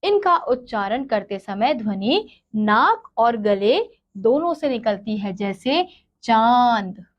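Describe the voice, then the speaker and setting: A woman's voice: a little high, big pitch swings, highs cut off. A woman teaching a grammar lesson, asking questions and answering them herself. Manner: slow, asks and answers her own questions.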